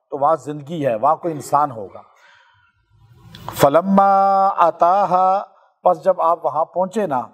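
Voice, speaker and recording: High-voiced male preacher telling a story. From Pakistan. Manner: storytelling, asks listeners questions, slows down for recited scripture. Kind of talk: sermon.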